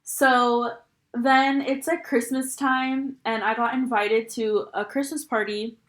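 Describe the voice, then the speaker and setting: A young woman co-hosting a podcast, telling stories in a lively, laughing way and swearing casually. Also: fairly high pitch, slow pace. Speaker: podcast co-host. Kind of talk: casual chat. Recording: echoey room.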